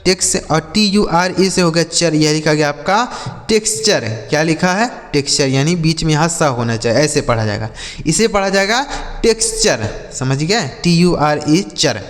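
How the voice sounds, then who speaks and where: Male online English tutor, high pitch, patient letter-by-letter spelling, echoey room. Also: expressive. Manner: spells words letter by letter slowly, repeats quiz questions. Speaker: English teacher. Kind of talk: spelling-out reading lesson.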